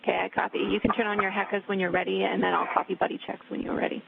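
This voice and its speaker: A woman giving measured, precise procedural instructions as a mission communicator over radio. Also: mid-range voice, little pitch movement, vocal fry, a little hiss or hum. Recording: thin narrow-band radio link.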